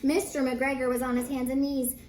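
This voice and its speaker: A female teacher reads a children's story aloud, her high voice full of animated emphasis and dramatic pauses. She makes brief asides to her young listeners, and the background is noisy.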